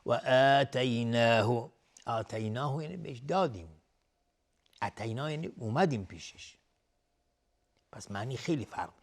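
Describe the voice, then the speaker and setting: On television, a middle-aged man teaches a tajweed lesson on Quran recitation, explaining each rule step by step and chanting verses slowly and drawn-out. His medium-pitched voice is husky with lively intonation.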